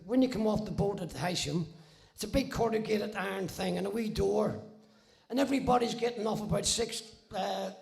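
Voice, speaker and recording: Gravelly high-voiced Northern Irish man. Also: darkish tone. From Belfast, Northern Ireland. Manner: blunt, salty, swears freely, wry. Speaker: speaker telling his own story. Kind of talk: casual spoken storytelling.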